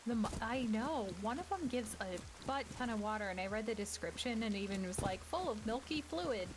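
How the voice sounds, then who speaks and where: A woman chats casually while playing a survival game with friends, explaining things with plenty of filler words. Her voice sits at a middle pitch. Steady rain noise runs clearly behind her. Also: brisk. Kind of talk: casual gaming chat.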